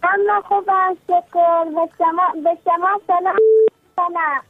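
A caller from Herat phoning a radio show, who answers in shy, short replies. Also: female voice, very high voice, fairly even intonation, no room sound. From Herat, Afghanistan. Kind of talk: phone call to a radio show. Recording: tinny phone line.

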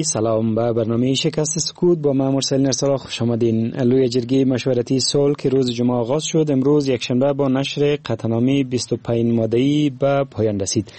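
A male host reads a scripted programme introduction in an Afghan accent. His tone is dark and soft-edged at average pitch, in a dry recording. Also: dry recording.

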